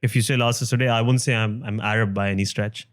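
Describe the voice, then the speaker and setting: A man's voice: on the low side, steady tone, fast talker. A man raised in the Middle East, talking candidly in an interview with a touch of humor. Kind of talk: conversational interview chat.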